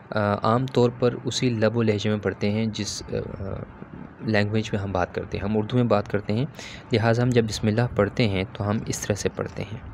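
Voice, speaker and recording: Low-voiced man teaching recitation. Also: gravelly, a little hiss or hum. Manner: stops to model Arabic sounds slowly and with stress. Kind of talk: instructional talk on pronunciation.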